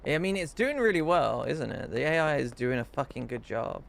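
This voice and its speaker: A man's voice: medium pitch, sing-song, brisk, vocal fry. A male streamer chatting casually on a live stream. He talks bluntly and swears when annoyed.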